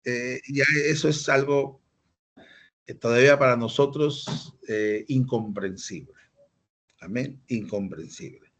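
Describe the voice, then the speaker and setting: A man's voice: mid-range voice, slow pace. A man preaching a sermon, teaching through rhetorical questions and acted-out quotes. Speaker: pastor.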